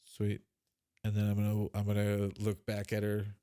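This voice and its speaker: A man's voice: on the low side, completely flat delivery, normal speed, warm tone, clean tone, dry recording, studio quality. A man casually playing a tabletop role-playing game, describing his actions and speaking for his character.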